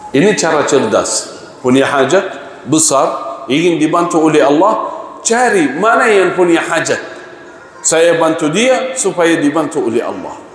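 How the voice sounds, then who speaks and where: A man's voice: a little high, slight background noise. A man preaching a sermon in a large mosque. He asks the congregation rhetorical questions and acts out the people in his story. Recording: echoey mosque hall, faint ambience.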